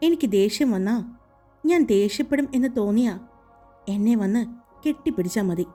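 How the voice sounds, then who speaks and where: A woman voicing a hot-tempered young man, a blunt, protective boss, in a firm, teasing, lower-pitched delivery for a romance audiobook. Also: expressive, normal speed, warm tone, soft background music.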